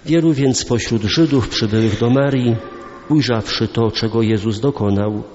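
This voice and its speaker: A man reading the Gospel aloud in church, measured and solemn. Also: medium pitch, darkish tone. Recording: dull recording in a reverberant church.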